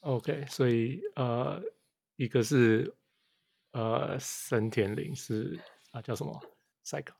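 Hesitant man with a creaky voice. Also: medium pitch, darkish tone, no room sound. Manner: hesitant, halting, drops in English words. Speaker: podcast co-host. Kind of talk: casual chat.

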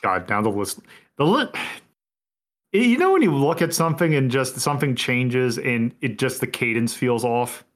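A man hosting a casual podcast, talking in a relaxed, rambling way with plenty of fillers. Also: mid-range voice, normal speed. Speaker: podcast host. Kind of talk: casual chat.

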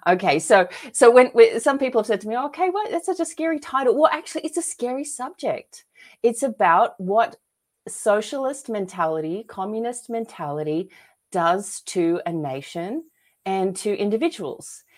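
With lively intonation and normal speed, this Australian-accented woman's mid-range voice carries earnest, emphatic personal stories. She's an author and filmmaker appearing as a guest in a conversational podcast interview.

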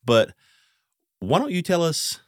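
A man's voice: on the high side, huge pitch swings, a little slow, no echo, studio quality. A man hosting a podcast, chatting casually with fillers and restarts. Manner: conversational, lots of fillers and restarts. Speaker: podcast host. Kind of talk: casual interview chat.

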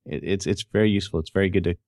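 A man with a low, deep voice hosts a relaxed gaming podcast. He reads listener questions aloud and explains the answers patiently. The sound is close and dry, with no room around it. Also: racing, no echo. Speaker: podcast host. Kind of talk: casual gaming podcast chat.

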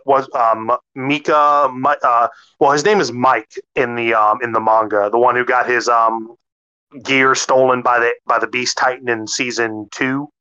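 A man co-hosting a casual podcast chat, excitable, swearing freely and stumbling over his words. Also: mid-range voice, smooth, highs cut off. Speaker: podcast co-host.

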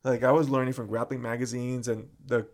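A man with a mid-range voice chats casually about martial arts. He hedges often and reaches for words as he thinks aloud. His tone stays relaxed and conversational. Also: medium pitch, brisk, vocal fry. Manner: thoughtful, hedging, lots of fillers.

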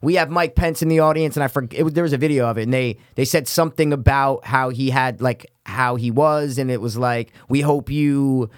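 A man's voice: medium pitch, brisk, hardly any pauses, no echo, clean studio sound. A man in his thirties, a podcast co-host, telling stories in casual chat with a lot of swearing. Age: 30s. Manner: profane, animated storyteller.

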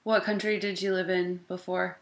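A woman's voice: lowish voice, flat delivery, moderate pace. Friendly woman podcast host. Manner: friendly, chatty, encouraging. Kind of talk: casual interview chat.

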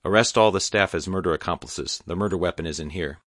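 A man's voice: sits low, fast talker, fairly bright tone, no echo. A stern, massive sheriff giving orders in a firm, commanding voice, read by a man in a slightly raised register. The sound is close and dry, with no room behind it. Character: huge stern Texan sheriff, authoritative.

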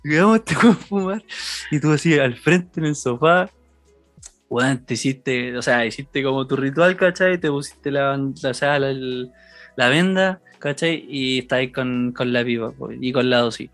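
A young man with a Chilean accent, telling a story in casual slangy chat, animated and often laughing. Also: medium pitch, measured pace, no echo, faint music behind. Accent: Chilean Spanish.

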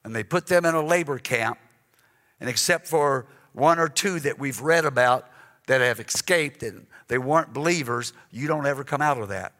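A man's voice: fairly high pitch, sharp tone. A man preaching a sermon in a church, telling a story earnestly and often repeating words when he is moved. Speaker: guest preacher. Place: church sanctuary. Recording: long reverb of a large hall.

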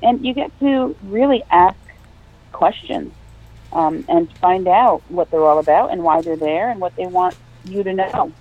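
A woman's voice: lowish voice, lively intonation, a little slow. Woman guest on a tinny phone line. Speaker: interview guest. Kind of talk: conversational explanation.

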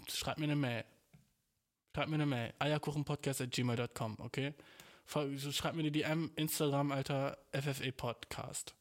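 Grumpy young man ranting on his podcast. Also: fairly high pitch. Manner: frustrated, slangy, swears a lot, rambling. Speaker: podcast host. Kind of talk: casual solo podcast rant. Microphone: home podcast mic.

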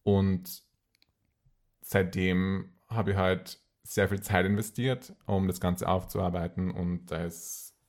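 A man's voice: sits low, fairly even intonation, takes it slowly, darkish tone. A man with an Austrian accent talking casually and personally as an interview guest, repeating phrases for emphasis.

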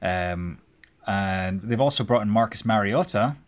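A man's voice: lowish voice, unhurried. A young man, hosting a casual sports chat with his father and rambling in a chatty way, full of fillers. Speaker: podcast host.

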